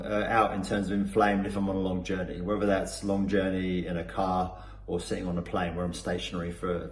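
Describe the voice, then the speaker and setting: Low-pitched and darkish in tone, this Cornish man from Cornwall, England offers an off-the-cuff customer testimonial, full of hesitations, filler words, and false starts. It was recorded in an echoey room with a little background noise.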